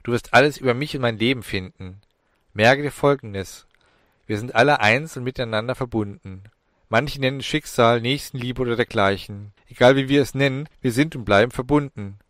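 A man's voice: mid-range voice, moderate pace, a bit bright, no room sound, clean studio sound, lightly acted. A man voicing a solemn, soothing female ghost. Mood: urgent. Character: gentle ghost of a woman doctor, solemn, prophetic.

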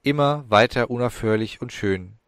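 A man's voice: medium pitch, moderate pace, a bit bright, no room sound, studio quality, close to an everyday voice. A man voicing a solemn, soothing female ghost. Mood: urgent. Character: gentle ghost of a woman doctor, solemn, prophetic.

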